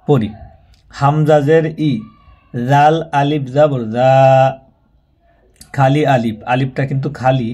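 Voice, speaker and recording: A man's voice: medium pitch, dark tone. A man giving a Quran reading lesson, spelling out each word and explaining pronunciation rules. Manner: slow drawn-out recitation alternating with plain explaining. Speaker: Quran recitation teacher.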